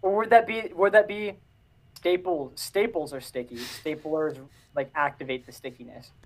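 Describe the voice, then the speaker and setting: A young man talking in a loose, joking podcast chat. He is animated, jumps in and out of sentences and often stumbles over his words as he goes. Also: fairly high pitch, moderate pace. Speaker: podcast co-host. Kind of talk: casual chat.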